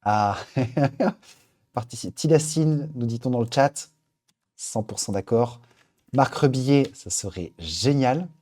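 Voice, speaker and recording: Reading out viewer suggestions on his live stream, this host is upbeat and chatty, musing aloud as he goes. He speaks slowly with long pauses, his mid-range voice mellow and expressive.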